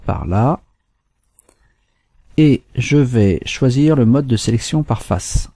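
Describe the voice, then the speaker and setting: A man from France hosting a screen-recorded software tutorial, walking through steps calmly with fillers and restarts. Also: fairly low pitch, gravelly, breathy edge, no room sound. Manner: unhurried, step-by-step with fillers and restarts. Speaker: tutorial host.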